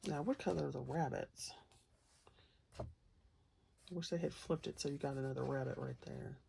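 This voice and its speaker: A woman with a deep, gravelly, warm voice speaks at a normal speed while flipping through a colouring book for her viewers. Her unscripted chatter rambles in a folksy, playful fashion, and a faint hiss or hum sits under the audio.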